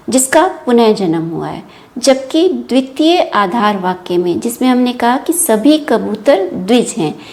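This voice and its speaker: A woman's voice: on the high side, darkish tone. A middle-aged woman giving a formal academic lecture on logic, explaining step by step with frequent hesitation fillers.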